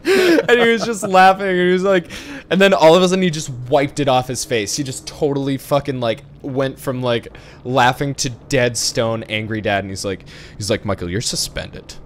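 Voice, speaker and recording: A young man streaming with friends, telling a story in animated casual chat, swearing freely. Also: medium pitch, normal speed, slight background noise.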